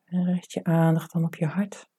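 This woman's voice sits on the low side, breathy and soft, as she leads listeners through a meditation. Each soothing instruction comes slowly, with relaxed pauses.

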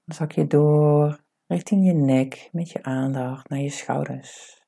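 A woman guides a meditation in a deep, very dark voice. There is gravelly fry in her soft, breathy delivery. She gives calm, soothing instructions and leaves unhurried pauses between them.

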